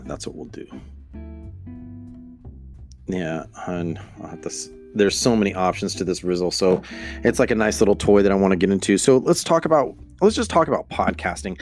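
A man's voice: lowish voice, darkish tone. A man hosting a solo podcast in a casual, hesitant, meandering way, often thinking aloud. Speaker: podcast host.

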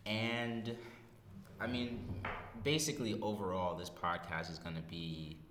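A young man of nineteen with a very low voice hosts a casual podcast. He talks in a joking, self-deprecating way. The small room rings with echo and reverb, over faint noise. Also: steady tone, measured pace. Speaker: podcast host. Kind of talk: casual unscripted chat. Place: small echoey library study room. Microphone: podcast microphone.

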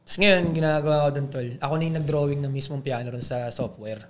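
A young adult man, a podcast guest, telling stories in a loose, animated way, full of slang fillers. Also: fairly high pitch, fairly quick. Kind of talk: casual storytelling chat.

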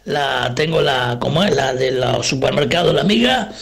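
A man's voice: mid-range voice, animated, moderate pace. A man playing a crude, rambling Argentine bloke stuck on the road, in a comic radio phone-in bit with an Argentine accent. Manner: rambling, swearing, slips into rough shouting.

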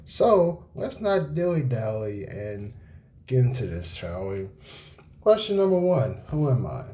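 A nineteen-year-old man hosting a casual solo podcast, talking in a laid-back monotone with many fillers and pauses, recorded on a cell phone. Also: mid-range voice. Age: young adult. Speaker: podcast host.

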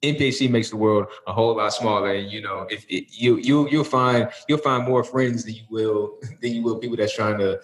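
An American podcast guest from St. Louis, with a polished, broadcast-style voice, chats casually and tells stories full of tangents. His voice is fairly low, and he talks a little fast with few pauses. The recording sounds roomy and echoey.

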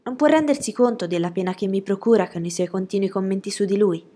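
A woman voicing a gentle young woman, a sweet and forgiving elder sister, speaking earnestly in a slightly raised voice. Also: medium pitch, fast, natural voice.

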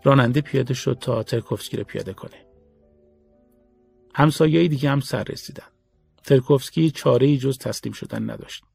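A man reading a story aloud in a steady, measured audiobook narration. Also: medium pitch, vocal fry, breathy edge, soft background music.

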